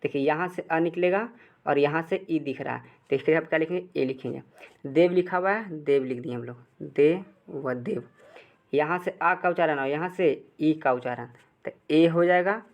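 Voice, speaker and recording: A man's voice: fairly high pitch, moderate pace. A man with a Bihari Hindi accent teaches a grammar lesson at the board. He keeps asking short questions and answering them himself, in a repetitive call-and-answer way.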